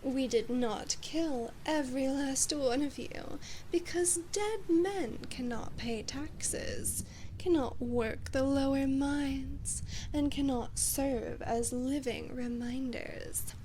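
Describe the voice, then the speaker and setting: A woman's high, mellow voice carries haughty disdain as she plays a domineering demon queen talking down to her human knight in a scripted ASMR roleplay. Measured and imperious, she sometimes lapses into breathy whispers, and a faint hiss or hum sits under the audio.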